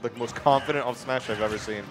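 A man giving relaxed, casual live esports co-commentary. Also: medium pitch, fast, over music.

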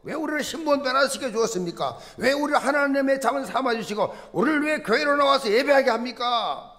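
A man's voice: extremely high pitch, lively intonation, brisk. A middle-aged male pastor with a Busan accent, preaching a sermon in an emphatic, folksy, humorous way. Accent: Busan Gyeongsang dialect. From Busan, South Korea. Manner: emphatic, swinging from loud stresses to soft asides.

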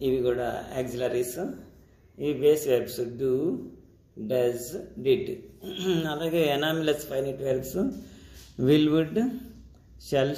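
Telugu guy teaching grammar, kinda gravelly and dark, echoey room, walks thru it step by step. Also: mid-range voice. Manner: step-by-step explaining, checks in with students. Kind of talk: classroom-style grammar lesson.

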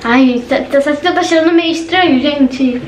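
Teen girl vlogger, high voice, jittery and chatty. Echoey bedroom with household noise behind her. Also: normal speed, distant mic. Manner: nervous, chatty, says "gente" constantly. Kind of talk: casual vlog chat. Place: bedroom at home. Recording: echoey room with background noise.

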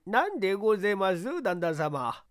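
A woman's voice: mid-range voice, very animated, normal speed, lightly acted. A woman voicing a simple, earnest old male servant who talks in a thick rural dialect. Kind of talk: audiobook character reading.

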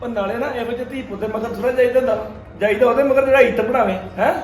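Punjabi guy playing a stubborn dad, really high voice, fast talk, echoey room. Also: steady tone, soft background music. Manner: stubborn and dismissive, refusing gruffly. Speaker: father in a family drama. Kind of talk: Punjabi web-series acting. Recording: roomy echo.

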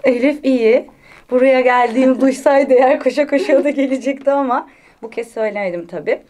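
A woman in her thirties chats easily as a talk show guest. Her high voice is giggly and animated, often breaking into laughs. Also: brisk. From Bulgaria, raised in Aydın. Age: 30s. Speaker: actress guest. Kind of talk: casual talk show chat.

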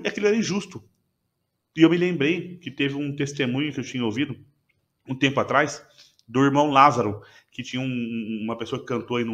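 A man, a podcast guest, earnestly retelling a personal testimony with emotion and frequent restarts. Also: a little high.

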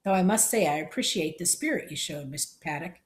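A woman reading the part of a measured, plain-spoken farm father. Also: low voice, animated. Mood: calm. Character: steady, fair-minded farm father.

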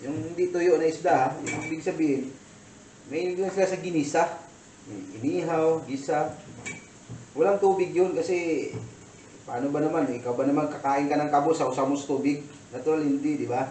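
A man's voice: fairly high pitch, fairly even intonation, normal speed, mellow, reverberant, distant mic, a little hiss or hum, rough recording. A man from the Philippines who vlogs about cooking, telling a rambling story in a casual chat while he cooks in a kitchen. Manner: rambling storytelling with many fillers. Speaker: cooking vlogger.

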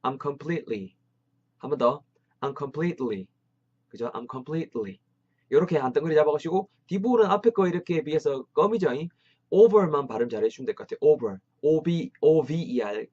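Energetic man teaching English phrases. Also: fairly high pitch, fairly quick. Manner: energetic, encouraging, drills phrases aloud. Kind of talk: online English lesson. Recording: slightly dull lo-fi sound.

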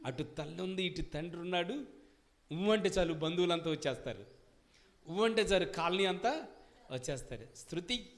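A man preaching a sermon as pastor to his congregation, swinging between loud emphatic questions and quieter asides. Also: high-pitched, animated, moderate pace, pauses often. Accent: Telugu. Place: church service.

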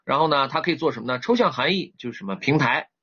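A man teaching English word roots in a recorded lecture, lively and repetitive, drawing out English words slowly. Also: medium pitch, slightly rough. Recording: dull lo-fi recording.

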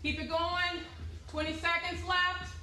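A woman's voice: very high-pitched, flat delivery, unhurried, bright, forceful tone, echoey room, faint music behind. A young woman working as an aerobics instructor, leading a workout with short motivational cues and counts, recorded from a few steps away in an indoor room. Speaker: fitness class instructor. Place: medium-sized indoor activity room with hard floor. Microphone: camera or phone a few steps away.

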